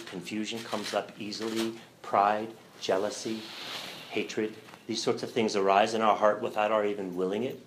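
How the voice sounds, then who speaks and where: A middle-aged man, a religion professor, giving a relaxed, thoughtful lecture with fillers and a light sense of humor. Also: lowish voice, a little hiss or hum, rough recording. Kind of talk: lecture to a church audience.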